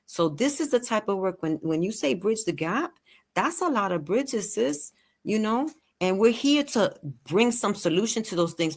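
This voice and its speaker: A woman guest on an interview show, talking persuasively and animatedly, firing off rhetorical questions and sometimes slowing her voice on purpose. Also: lowish voice. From Latin American heritage. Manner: animated, asks rapid rhetorical questions, deliberately slows her voice at times. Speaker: guest, care and virtual assistant business owner.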